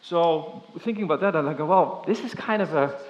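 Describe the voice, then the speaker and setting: Dutch guy doing a keynote, fairly high voice, playful and upbeat, lots of ums and restarts. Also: moderate pace, highs cut off. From Netherlands. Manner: playful, energetic, with many fillers and restarts. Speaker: keynote speaker. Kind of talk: conference keynote. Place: large conference hall with audience.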